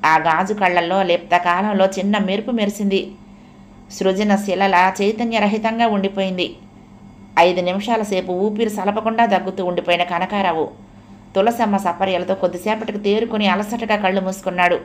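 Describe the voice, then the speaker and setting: A woman narrating a family novel in a steady, measured storytelling manner. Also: mid-range voice, a little hiss or hum. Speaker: audiobook narrator. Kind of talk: scripted narration.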